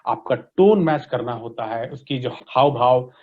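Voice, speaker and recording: Medium in pitch and measured in pace, this Indian-accented voice industry expert explains things as an interview guest. He teaches as he talks, blending in English and checking in often. The recording sounds dull and lo-fi.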